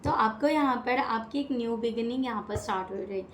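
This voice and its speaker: Woman, Indian accent, tarot reader, chatty, slightly high voice, roomy echo, faint hiss. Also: a little fast. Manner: chatty, repetitive, lots of fillers and English words. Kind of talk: casual tarot reading. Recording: echoey room with faint noise.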